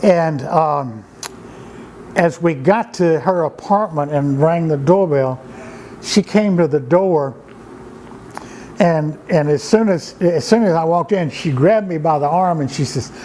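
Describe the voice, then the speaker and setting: A man's voice: on the high side, warm tone, slight background noise, poor audio. Older man telling folksy stories. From Georgia, USA. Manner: unhurried, halting with many "uh"s and restarts. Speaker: storyteller and writer. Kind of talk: folksy anecdotal storytelling.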